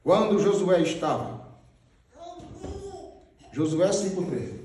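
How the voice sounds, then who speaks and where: A high-pitched Brazilian Portuguese man preaching with emphatic repetition, pointing things out as he teaches. His voice is caught from a distance and rings around a very echoey hall. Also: takes it slowly, darkish tone. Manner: emphatic, repeats phrases, points at a drawn diagram. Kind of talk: sermon teaching with Bible readings. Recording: very echoey, far from the mic.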